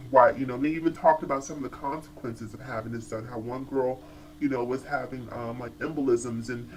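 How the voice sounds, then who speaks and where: A man giving casual commentary as a TV show reviewer, animated and chatty, often restarting his sentences. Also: mid-range voice, brisk, a little hiss or hum, low-quality recording.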